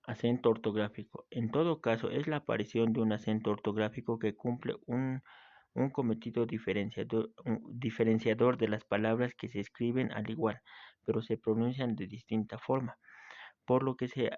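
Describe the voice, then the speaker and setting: A man reads a grammar lesson aloud at an even pace, stumbling now and then and restarting a word. His voice sits at a middle pitch. It is recorded close and dry, with a slightly dull, muffled tone. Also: dry recording. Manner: reads steadily from a text, with small slips and restarts. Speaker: teacher.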